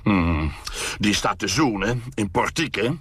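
A man voicing a bitter, jealous middle-aged father with a sarcastic manner that climbs into outraged shouting, in a dramatic story reading. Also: on the low side, unhurried, breathy edge, no echo, pitched above the performer's own voice.

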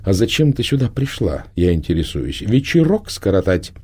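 A man's voice: lowish voice, very animated, normal speed, warm tone, breathy edge. A man voicing a cold, commanding woman who leads a witch coven, speaking sharply and sarcastically. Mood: scornful.

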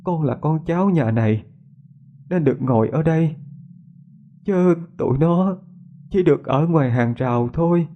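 A man voicing the ghost of a dead young daughter, speaking in a slow, mournful, pleading way. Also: on the high side, lo-fi sound, voice pushed up, natural voice.

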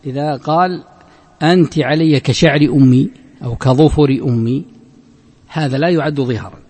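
A man giving a classical Islamic law lesson, explaining a text slowly and repeating his points. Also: on the high side, a little mellow, slightly rough, in a large hall. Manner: slow, measured explanation with frequent repetition of points. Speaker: religious scholar teaching a text.

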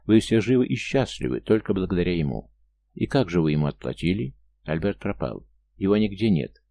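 A male narrator doing a furious young man in an audiobook, turning on a family with cold, accusing words. The voice is deep, gravelly and dark, swinging wide in pitch as the anger rises. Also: big pitch swings, a little fast, full character voice. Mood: bitter, accusing. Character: angry grieving young man, loyal friend. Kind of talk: audiobook character reading.

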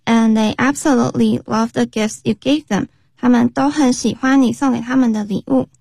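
A woman's voice: fairly high pitch, fairly even intonation, moderate pace, creaky, a little mellow, husky, dry recording. A woman co-hosting a radio lesson, reading each dialogue line in English and then in translation. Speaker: co-host reading dialogue lines.

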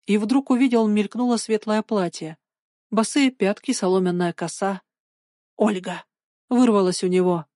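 A woman narrating an audiobook of a spooky children's story in a measured, suspenseful way. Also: medium pitch, warm tone, no echo, clean studio sound.

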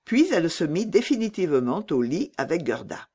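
A woman narrating a children's storybook with an expressive, lively reading. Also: fairly low pitch, moderate pace, husky.

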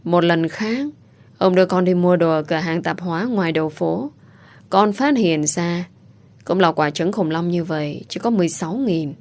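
A woman's voice: lowish voice, moderate pace, darkish tone, natural voice. A woman voicing a small, affectionate boy who talks in a pleading, childlike way. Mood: eager.

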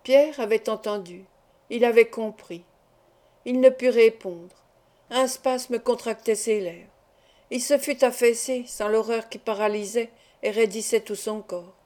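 A woman narrates a classic adventure novel as an audiobook, reading steadily with expression. Her voice is mellow and warm, pitched a little high for a woman. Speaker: audiobook reader.

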